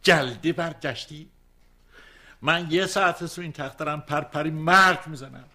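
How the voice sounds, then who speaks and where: A man's voice: fairly high pitch, bright, forceful tone, exaggerated voice. An actor playing a stubborn, grumbling bedridden old father who complains to his son. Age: older. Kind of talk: TV comedy drama.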